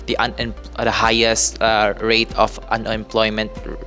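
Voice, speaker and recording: A young man from the Philippines, a youth advocate speaking haltingly and searching for words. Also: lowish voice, completely flat delivery, pushed and bright, soft background music. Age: young adult.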